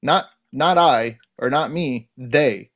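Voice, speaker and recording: A man's voice: mid-range voice, takes it slowly, fairly bright tone. A man in a casual podcast conversation, talking bluntly and emphatically with frequent swearing. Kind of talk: casual opinionated chat.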